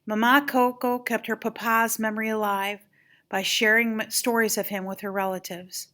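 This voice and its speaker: A woman's voice: on the high side, moderate pace. An older woman with a grandmotherly voice reads a children's story aloud, expressively and with dramatic emphasis. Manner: animated, dramatic emphasis on exclamations and key moments.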